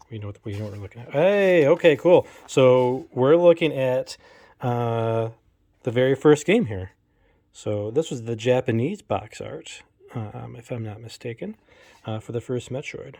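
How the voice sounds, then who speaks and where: With a mellow, medium-pitched voice, a man in his thirties unboxes collectibles on camera at home in his game room, filming on a phone in one hand. As a collector vlogger, he chats casually, full of fillers and self-deprecating jokes.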